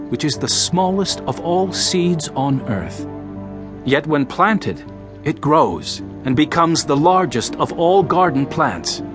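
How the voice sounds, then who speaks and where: In a dramatized audio Bible, an actor plays an impassioned male teacher preaching parables. His voice is a little high, and his phrasing is declamatory and deliberate.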